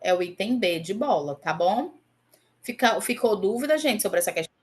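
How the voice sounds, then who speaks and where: A woman's voice: mid-range voice, animated. A woman teaching a Portuguese grammar class online, going over exam answers and often checking in with her students. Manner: repeats example words slowly.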